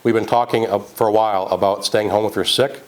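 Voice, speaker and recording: Measured, low-voiced Midwestern health official. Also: male voice, fairly even intonation, low-quality recording. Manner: measured, earnest, with fillers. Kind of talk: public health video update.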